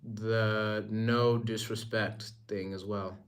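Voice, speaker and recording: Speaking slowly in a fairly low, mostly level voice, this young man from Rwanda talks informally to viewers of his live stream. He uses slang and tends to say things more than once.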